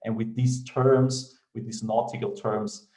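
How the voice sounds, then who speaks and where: An Austrian man whose first language is German gives a remote technical conference talk in an Austrian German accent, with many fillers and restarts. His voice is fairly low, warm and level, and he speaks unhurriedly in an echoey room.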